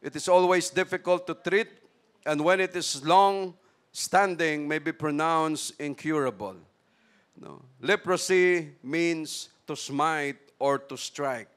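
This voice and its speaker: A Filipino pastor preaching with a high, bright, ringing voice. He keeps checking in with his listeners and slows down to read scripture before explaining it. At times he climbs into loud, fervent preaching. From Philippines. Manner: mixes Tagalog and English, checks in with the crowd by saying "no?" again and again; reads scripture slowly, then explains it. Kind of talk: sermon.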